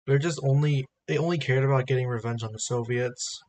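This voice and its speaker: A man's voice: mid-range voice, brisk, darkish tone, slight background noise, rough recording. A man giving casual reaction commentary as a streamer, in a hesitant, rambling way.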